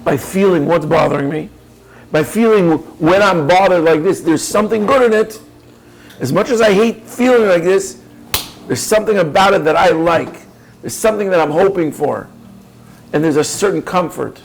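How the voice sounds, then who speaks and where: A man gives a reflective coaching talk on personal growth, speaking directly to the listener in an earnest, probing way. His voice is high-pitched with vocal fry, and he talks at a normal speed in a rough recording.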